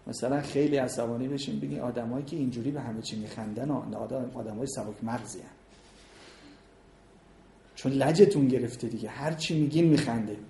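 A man's voice: medium pitch, vocal fry, dark tone, a little hiss or hum. A man teaching a class on marriage, going through numbered points and acting out sample talks between husband and wife. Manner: explains points by number, acts out sample dialogues between spouses. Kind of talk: lecture with audience questions. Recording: echoey room.

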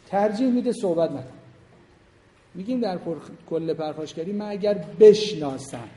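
A man's voice: fairly high pitch, dark tone. A middle-aged man giving an informal lecture on family life to a class, speaking conversationally and emphatically and putting questions straight to his listeners. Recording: roomy hall with long reverb.

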